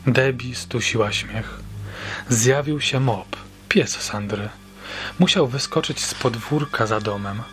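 A man narrating a short horror story as an audiobook reader, in a measured, suspenseful storytelling manner. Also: medium pitch, a bit bright. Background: faint background music.

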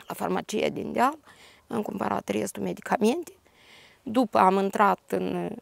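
An older woman with a Moldovan Romanian accent, a grieving grandmother giving a halting, detailed personal testimony. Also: on the high side, gravelly, no room sound. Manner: halting, detailed retelling with restarts.

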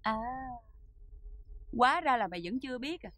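A woman's voice: a little high, big pitch swings, moderate pace, a bit bright, soft background music. An actress in a Vietnamese TV drama, playing a harsh, bullying woman who barks orders at her henchmen. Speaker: thug leader in TV drama.

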